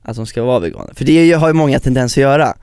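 A man co-hosting a casual podcast chat, a lively storyteller who slips into the voices of the people in his stories. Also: medium pitch, smooth, no echo, clean studio sound. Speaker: podcast co-host.

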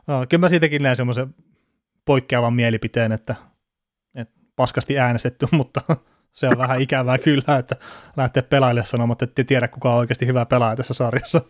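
A man's voice: medium pitch, fairly even intonation, dry recording, clean studio sound. A man hosting a casual sports podcast, chatty and rambling, laughing now and then. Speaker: podcast host.

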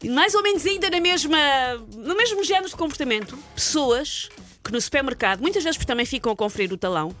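Fast-talking sarcastic Portuguese woman host. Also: high-pitched, animated, a bit bright, faint music behind. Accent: European Portuguese. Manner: sarcastic, ranting. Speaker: radio show host. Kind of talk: comic chat show banter.

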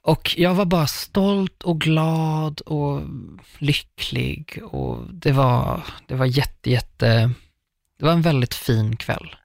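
A man's voice: on the high side, expressive, gravelly, dry recording, clean studio sound. A young adult man in casual chat, telling a long personal story in a rambling way full of fillers and restarts. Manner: rambling, filler-heavy, warmly anecdotal.

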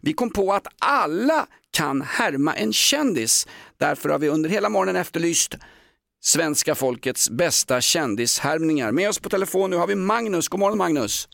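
A man's voice: a little high, lively intonation, vocal fry, fairly bright tone, no echo. A male morning radio host with upbeat, jokey banter on a studio microphone.

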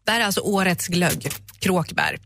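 A woman co-hosting a radio show, running a quiz with quick banter and mock scolding. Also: on the low side, expressive, creaky, fairly bright tone, a little hiss or hum. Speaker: radio co-host and quiz master. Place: radio studio. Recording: radio broadcast with music underneath.

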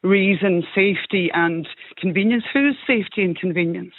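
A woman's voice: lowish voice, moderate pace, no room sound. Female phone-in caller, argumentative and sceptical, casual talk, narrow dry phone line.

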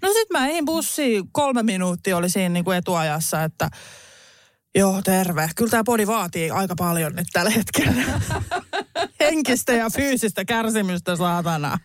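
Animated woman telling a story. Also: mid-range voice, dry recording, clean studio sound. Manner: animated storytelling, swearing, frequent laughter. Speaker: podcast co-host. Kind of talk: casual chat.

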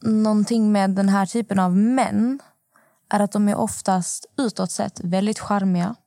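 A woman hosting a podcast chat speaks with a mellow, darker tone and asks gentle, empathetic follow-up questions. Her voice sits in a middle pitch, and the recording is dry and close. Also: steady tone, vocal fry, no echo. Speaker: podcast host. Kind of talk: casual interview chat.

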